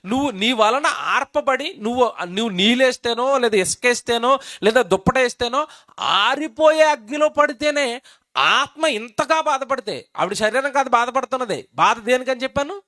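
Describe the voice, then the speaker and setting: High-voiced preacher asking the congregation questions. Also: male voice, expressive, moderate pace, sharp tone, no echo, studio quality. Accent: Telugu, Andhra Pradesh. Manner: emphatic, questioning the congregation and repeating phrases. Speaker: pastor. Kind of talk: sermon.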